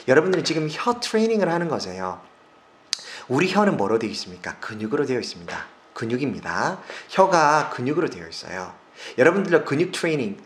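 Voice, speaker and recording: A man from South Korea, in his forties, teaching English pronunciation in a video lesson, repeating sounds for drills with emphasis. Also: mid-range voice.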